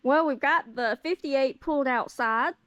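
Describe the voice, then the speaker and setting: A woman's voice: sits high, measured pace, a bit bright, lo-fi sound. A woman co-hosting a shop vlog, plainly explaining things to viewers. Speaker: co-host. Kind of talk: casual shop vlog talk. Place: auto shop garage.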